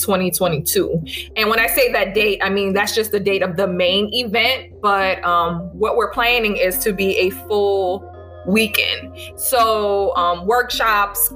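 A woman's voice: mid-range voice, fairly even intonation, unhurried, bright, forceful tone, faint music behind. A woman hosting a podcast in a casual, chatty, self-deprecating and wry way, talking into her laptop's built-in microphone on a video call. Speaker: host and author.

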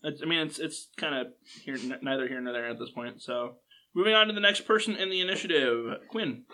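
A man's voice: a little high, fairly quick, bright, forceful tone. Hesitant young man as game master. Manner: hesitant, with frequent ums and uhs. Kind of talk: narrating a tabletop game.

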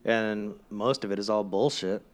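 A man's voice: on the low side, steady tone, moderate pace. A man guesting on a podcast, a barber in casual chat, laid-back and swearing casually as he tells stories.

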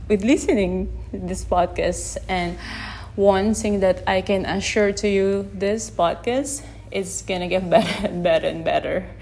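A Filipino woman whose first language is Tagalog speaks unscripted into a phone held in one hand for her podcast, giving a reflective monologue. Her medium-pitched voice is gentle, with many restarts as she hunts for words, in an unedited setting with slight background noise.

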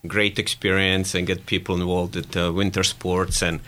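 A man in his thirties from Bosnia and Herzegovina, a guest answering interview questions in a relaxed way with loose, non-native phrasing. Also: deep voice, normal speed, a little hiss or hum. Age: 30s. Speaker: director of operations, guest.

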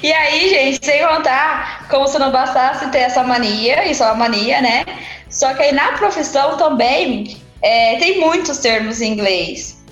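Chatty woman on a podcast, kinda high voice, echoey room with faint music. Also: unhurried, fairly bright tone, dull audio. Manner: chatty, exasperated, laughing often. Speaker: podcast co-host. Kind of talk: casual podcast chat.

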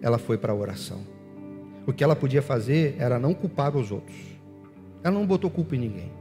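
A pastor preaching a sermon and leading the congregation in prayer, voicing the prayers aloud himself. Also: male voice, medium pitch, expressive, fast talker, dark tone, big-room sound, soft background music.

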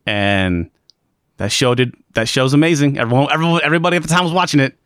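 A man's voice: mid-range voice, fast, fairly bright tone, smooth, no room sound. Guy ranting casually on a stream, lots of likes and ums, dry close sound. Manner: rambling, filler-heavy, joking rants. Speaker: stream co-host. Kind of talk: casual chat.

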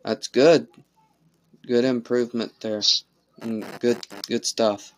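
A man's voice: medium pitch, little pitch movement, slow, a little mellow, a little hiss or hum, low-quality recording. A man interviewing a guest, rambling and repeating words as he gathers his thoughts. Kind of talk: casual interview chat.

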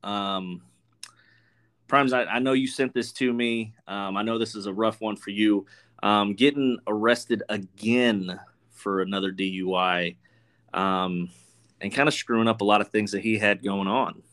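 A man with a fairly low voice hosts a casual podcast. He speaks informally and bluntly, bantering and swearing freely as he chats to listeners and his co-host. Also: fairly even intonation, measured pace, fairly bright tone.

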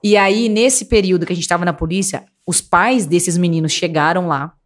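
A woman's voice: on the low side, normal speed. A young woman from Brazil, a podcast guest, telling a story casually and acting out the voices of the people in it. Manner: animated, acts out quoted voices.

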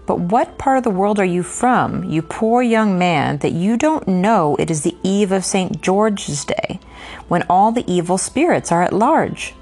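A woman's voice: lowish voice, expressive, moderate pace, soft background music. A woman doing a frantic old landlady. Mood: pleading. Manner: urgent, imploring. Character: distressed superstitious old landlady, pleading.

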